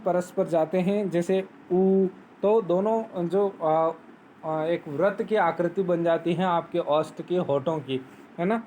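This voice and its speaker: A man teaching a grammar lesson, explaining step by step, asking questions and answering them himself, and reciting rules slowly. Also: high voice, a little mellow, slight background noise. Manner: recites Sanskrit sutras slowly. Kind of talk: Hindi grammar lesson on phonetics.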